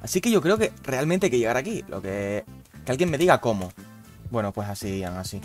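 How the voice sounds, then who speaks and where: A young man, giving casual, swear-heavy commentary over his gameplay with loud, baffled outbursts. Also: medium pitch, big pitch swings, a little fast, soft background music. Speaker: gaming youtuber.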